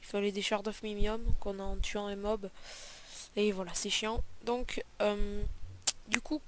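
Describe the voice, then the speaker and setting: A woman at a mid-range pitch, chatting her way through a let's play. She rambles easily from one point to the next, stopping for fillers and correcting herself as she goes. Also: little pitch movement, a little slow, background noise. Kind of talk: casual gameplay commentary.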